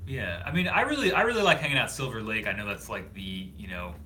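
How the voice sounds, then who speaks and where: A man's voice: on the low side, animated, quick pace, bright, forceful tone, slight background noise. A man hosting a casual chat, easygoing and slangy, full of fillers. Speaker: host.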